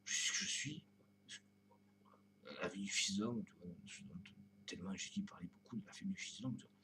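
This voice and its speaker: A man's voice: low voice, normal speed, pushed and bright, slight background noise. A man talking straight to his own videos in a rambling spiritual monologue, full of repeated fillers, often sinking to a whisper. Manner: drifting, repeats "tu vois", often drops to a whisper. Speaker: video blogger.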